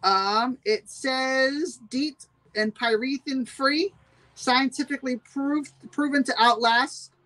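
A woman's voice: high voice, takes it slowly, fairly bright tone, low-quality recording. A woman hosting a live-streamed sale, chatting with viewers and repeating every price twice. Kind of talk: live-streamed sales pitch.

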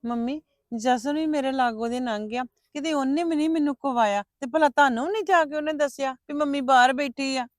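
A woman's voice: high-pitched, brisk, no room sound, clean studio sound, lightly acted. A woman playing a hurt, stubborn young wife who sulks and refuses help. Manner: sulky, refusing. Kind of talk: family drama acting.

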